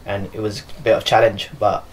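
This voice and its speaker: A man's voice: fairly low pitch, level tone, fairly quick, low-quality recording. A young man from Nepal, a dancer and choreographer, answering interview questions in a loose, filler-heavy way while seated in a living room. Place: living room with leather sofas.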